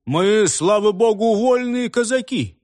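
A man's voice: high voice, expressive, measured pace, darkish tone, no echo, clean studio sound, voice pushed up. A man voicing a bold young villager who mocks his father and rallies his friends. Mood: rallying. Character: bold young male villager, mocking and defiant.

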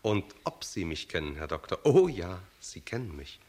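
An actor playing a theatrical, vengeful stage magician in a radio play, speaking in a declamatory, hypnotic way. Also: male voice, sits low, very animated, moderate pace, a little mellow. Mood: mysterious, triumphant. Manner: hypnotic, declamatory, sweeping intonation. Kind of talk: 1920s radio play acting.

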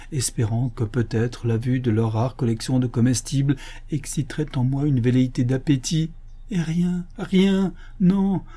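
Brief: anguished glutton of a canon, storybook reading, a man playing him, mellow and a bit husky. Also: medium pitch, lightly acted. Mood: desperate. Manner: anguished, theatrical lamenting. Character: gluttonous older male canon, lovesick for lost food. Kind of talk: audiobook reading of a classic novel.

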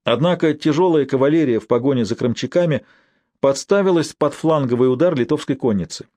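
A man reading a historical adventure story aloud in an even storytelling manner. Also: mid-range voice, dry recording. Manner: even storytelling with quoted dialogue. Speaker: audiobook narrator. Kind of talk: scripted narration.

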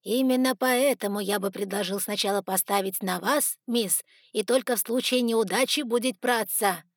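A cold, reserved ice elder, as a woman reads him speaks gravely in a storybook audiobook. His middling voice comes across dry and close to the mic. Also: medium pitch, normal speed, dry recording, natural voice.

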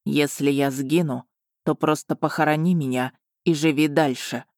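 A woman's voice: sits low, fairly even intonation, darkish tone, no echo, clean studio sound. Woman voicing a stern, commanding male dragon. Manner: slow, clipped, authoritative. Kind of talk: audiobook narration.

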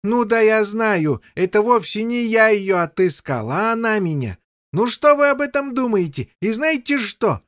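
A man's voice: sits high, very animated, moderate pace, dry recording, clean studio sound, voice pushed up. A man voicing a bumbling, overexcited king who chatters on and never lets others speak. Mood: gushing. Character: bumbling, overexcited middle-aged male king. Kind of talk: audiobook character voice.

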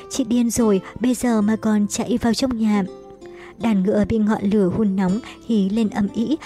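A woman reads a novel aloud as an audiobook, telling it briskly and dramatically. Her voice is mellow and dark in tone at a mid pitch. Faint music plays quietly behind her. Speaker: narrator.

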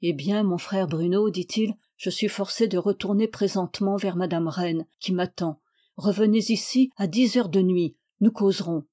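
Casting: woman voicing a curt young man-at-arms, mellow and measured. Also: mid-range voice, close to an everyday voice. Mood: guarded.

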